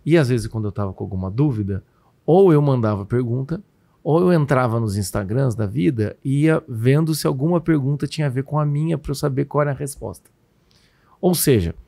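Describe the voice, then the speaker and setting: A Brazilian man hosting a podcast, who tells anecdotes and quotes other people in lively asides. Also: medium pitch, creaky, no echo. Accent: Brazilian Portuguese. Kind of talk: casual podcast conversation.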